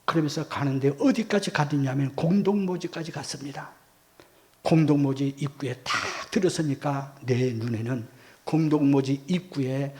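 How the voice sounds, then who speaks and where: Man, 70s. Pastor's dramatic testimony, high and highly expressive. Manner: dramatic storyteller, acts out voices. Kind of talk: testimony sermon.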